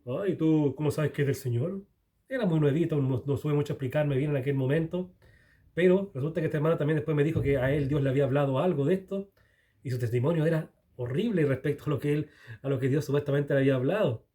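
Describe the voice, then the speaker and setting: A man teaching the Bible in a loose, conversational way, earnest and turned toward the viewer. His voice sits a little high for a man but has a mellow, warm tone. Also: fast. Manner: earnest, speaks straight to the viewer. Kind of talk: informal video Bible teaching.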